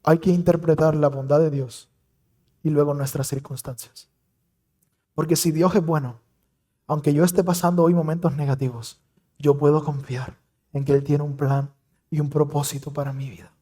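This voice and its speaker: A young man preaching a sermon as pastor, emphatic with dramatic swings between loud and soft. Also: on the high side, level tone, moderate pace, long pauses.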